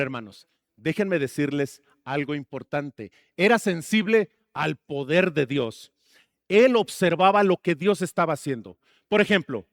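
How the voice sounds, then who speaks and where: Male pastor, high voice, dry close sound, questions to the congregation. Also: a bit bright, no echo. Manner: asks the congregation questions and jokes between points. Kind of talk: sermon.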